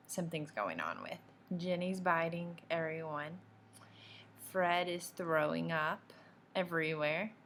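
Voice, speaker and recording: A woman teacher reading a chapter book aloud to her class in a relaxed, chatty way, adding her own asides. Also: lowish voice, slight background noise.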